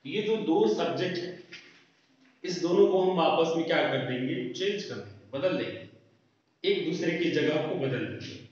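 A man's voice: a little high, expressive, moderate pace, darkish tone. A male English teacher giving a grammar lesson, explaining step by step and answering his own questions. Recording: echoey, distant, dull lo-fi room sound.

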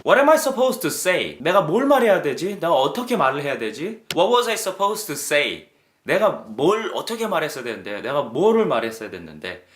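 A man teaching English in an animated, sing-song way, his voice bright and fairly high. He acts out example lines and drills short phrases slowly. The room is echoey. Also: slight background noise. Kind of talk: lively video lesson.

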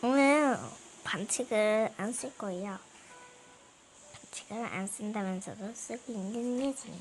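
A woman's voice: on the high side, a little slow, faint music behind, low-quality recording. A woman hosting her own gameplay video with casual commentary, talking in a playful, cutesy way and often muttering or exclaiming to herself. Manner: cutesy, playful greetings with little singsong interjections; mutters and exclaims to self while playing.

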